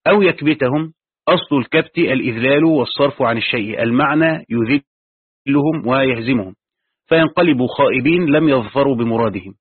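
In a dry, tinny recording that sounds like lo-fi phone audio, a man teaches Quran commentary. He reads from a tafsir text, then offers his own explanations, talking fairly quickly in a slightly rough mid-range voice.

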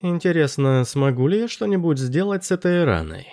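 A man's voice: a little high, sing-song, brisk, darkish tone, voice pushed up. A man voicing an awkward, oddly unbothered male soldier leader in an audiobook, speaking in a hesitant, mildly apologetic way. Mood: sheepish.

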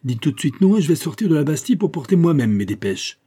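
A man's voice: fairly high pitch, big pitch swings, quick pace, warm tone, slightly rough, pitched above the performer's own voice. A man voicing a commanding minister who speaks curtly and menacingly. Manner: curt and menacing. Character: commanding minister, harsh and threatening.

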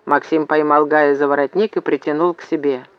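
A man narrates an audiobook in a steady storytelling manner. His voice sits a little higher than most men's. The recording is dry and sounds slightly dull. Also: a little fast, clean tone, no echo. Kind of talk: scripted narration.

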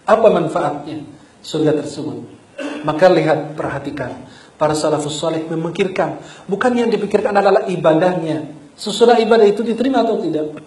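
Male preacher, Ramadan sermon, slightly high and mellow, chants scripture, clears his throat a lot, echoey room. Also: fairly quick. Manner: chants Quranic verses melodically between spoken teaching; frequent throat clearing, rising emphatic questions. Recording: roomy echo.

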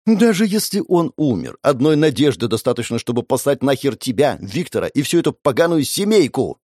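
A man voicing a furious young woman who shouts and swears in defiance of her family. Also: mid-range voice, very animated, measured pace, no room sound, studio quality, pitched above the performer's own voice.

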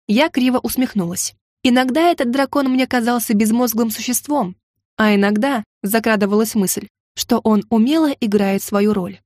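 A woman narrating a first-person fantasy audiobook in a steady storytelling delivery. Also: on the high side, moderate pace, dry recording, clean studio sound.

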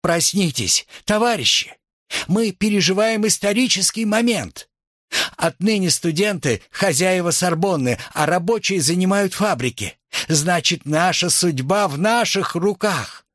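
A man voicing a fiery young female student revolutionary who declaims and shouts to rouse a crowd. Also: lowish voice, lively intonation, a little slow, no room sound, clean studio sound, pitched above the performer's own voice. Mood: rousing.

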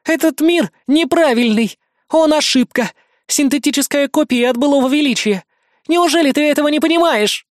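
A man reading an audiobook voices a vicious armored female cyborg villain who mocks and gloats in a raised, shrill voice. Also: normal speed, no echo, clean studio sound. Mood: scornful.

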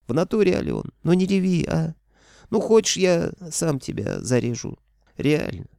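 Brief: blunt gangster imp voiced by a man, high and rough, gravelly. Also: huge pitch swings, normal speed, dark tone, no echo, studio quality, exaggerated voice. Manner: slangy, blunt. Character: loyal thuggish male imp, street slang.

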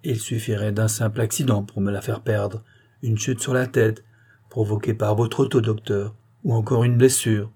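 A man voicing a sharp, cunning young male detective who speaks in an insistent, probing way. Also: on the low side, fairly even intonation, moderate pace, slightly rough.

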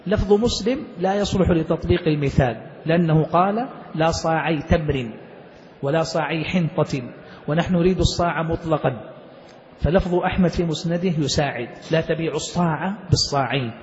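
A man's voice: fairly high pitch, a little fast, darkish tone, slight background noise. A male sheikh teaching a classical text, explaining it step by step and putting questions to his students. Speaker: sheikh teaching Islamic jurisprudence. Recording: dull lo-fi recording with long hall reverb.

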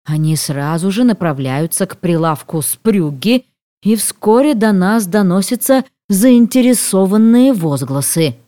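Woman audiobook narrator, first-person novel, lively animated pitch, dry close sound. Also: a little slow, no echo. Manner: expressive, animated reading.

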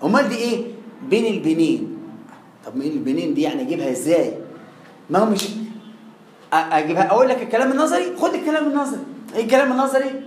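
A man with an Egyptian accent teaching Quran recitation rules in a lively way, talking straight to his students and demonstrating sounds. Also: high-pitched, rapid-fire, long pauses, echoey room, a little hiss or hum, rough recording. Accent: Egyptian Arabic. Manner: lively, addresses the listener directly, demonstrates sounds. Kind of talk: classroom lecture.

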